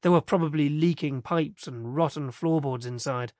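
A man narrating an audiobook in a steady, measured storytelling manner. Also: fairly high pitch, dry recording, studio quality.

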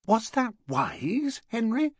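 A man's voice: extremely high pitch, sing-song, slow, dry recording, studio quality, voice pushed up, full character voice. A man voicing a worried, fussy middle-aged wife in an audiobook. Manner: worried, fussing.

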